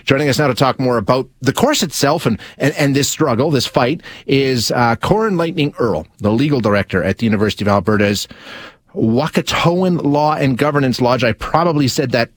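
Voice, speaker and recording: News host guy, dry close studio sound, steady read then loose casual questions. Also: mid-range voice, brisk, hardly any pauses, no echo. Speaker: radio interview host. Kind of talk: news report and interview.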